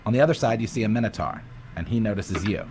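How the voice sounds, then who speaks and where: A man narrating a tabletop fantasy game as dungeon master, in a measured, dramatic way. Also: on the low side, darkish tone, a little hiss or hum. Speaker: dungeon master in a played clip.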